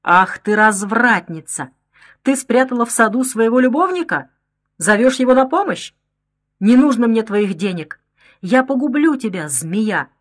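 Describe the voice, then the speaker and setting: A woman's voice: on the high side, expressive, moderate pace. A woman voicing a menacing escaped convict, a grown man, in an audiobook; her tone is mocking and threatening. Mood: enraged. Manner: mocking, then roaring with rage. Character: menacing middle-aged male escaped convict, sneering.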